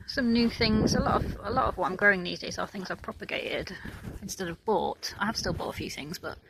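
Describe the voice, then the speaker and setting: A woman chatting casually as she walks around her garden, relaxed and full of ums. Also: mid-range voice, a little fast, creaky, background noise. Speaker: gardening vlogger. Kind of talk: casual garden tour narration. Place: outdoors in a garden.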